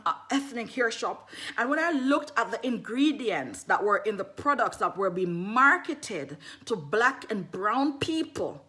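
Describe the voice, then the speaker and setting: Lively Jamaican woman on a livestream. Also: on the high side. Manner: greets viewers mid-sentence, repeats phrases, animated. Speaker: herbalist selling skincare on a livestream. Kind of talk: casual livestream chat.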